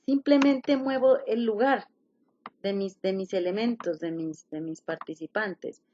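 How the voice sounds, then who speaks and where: A woman's voice: mid-range voice, measured pace, mellow, dull audio, slight background noise. Woman teaching English patiently. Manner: patient, repeats key points and asks questions. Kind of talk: online class explanation.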